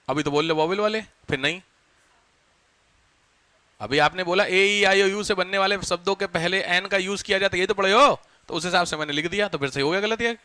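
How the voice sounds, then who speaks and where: Brisk, bright-voiced male lecturer. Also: high voice, no echo. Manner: quizzing students with quick questions and answering them himself. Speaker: teacher. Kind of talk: classroom lecture.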